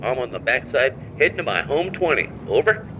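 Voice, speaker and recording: A man's voice: medium pitch, big pitch swings, fairly quick. A man putting on a trucker persona, answering in folksy CB radio slang over a muffled radio-like channel. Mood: playful. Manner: folksy trucker CB slang, playful sign-offs.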